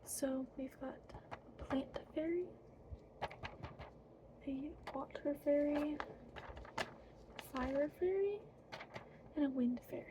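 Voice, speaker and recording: A high, breathy woman's voice in an ASMR role-play as she acts out a friendly, apologetic fairy. She takes her time, pausing hesitantly between casual phrases. Noticeable noise sits behind the soft delivery. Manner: hesitant, informal, many trailing pauses. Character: friendly, apologetic young fairy guiding a newly hatched fairy. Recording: clearly audible background noise.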